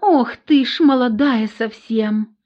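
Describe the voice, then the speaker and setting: A woman's voice: fairly high pitch, takes it slowly, dull audio, voice pushed up. A woman voicing a lamenting, wailing village woman in an audiobook. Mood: pitying. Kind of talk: audiobook character voice.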